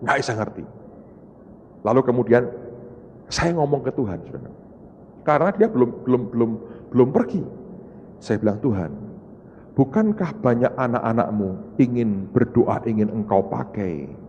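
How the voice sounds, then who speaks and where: Pastor preaching in an echoing hall. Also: male voice, expressive, normal speed, long pauses, dark tone, dull audio, a little hiss or hum. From Indonesia. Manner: dramatic storytelling, voicing others in rising high-pitched outbursts and repetitions. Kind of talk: sermon. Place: large church. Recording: long reverb of a large church hall.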